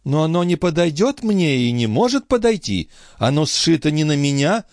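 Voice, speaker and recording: A man voicing an excitable, dramatic highborn countess in an audiobook. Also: moderate pace, dry recording, studio quality. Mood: distraught. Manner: exclaiming, theatrical.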